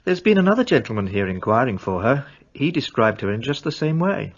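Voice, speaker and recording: An actor playing a polite, apologetic hotel clerk in a radio play, speaking in a courteous, careful way. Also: male voice, mid-range voice, sing-song, fairly quick, muffled recording.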